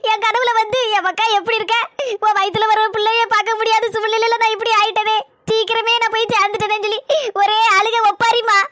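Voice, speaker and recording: A woman's voice: very high voice, little pitch movement, fast talker. A woman voicing a scheming young married daughter in a Tamil cartoon, with a Kanyakumari accent and a wheedling, fake-tearful way of talking.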